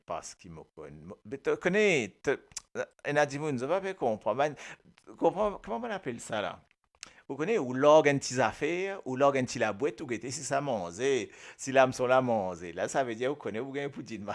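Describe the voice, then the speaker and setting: A man with a Mauritian Creole accent, hosting a casual live radio chat, playful and chatty, laughing often and jumping between topics. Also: mid-range voice. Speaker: radio show host.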